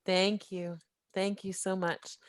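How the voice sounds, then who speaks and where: A woman hosts an online social, cheerfully calling on guests and teasing them a little. She speaks slowly, at a middle pitch. Her voice sounds dry and close over the video call. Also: little pitch movement, no room sound. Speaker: event host.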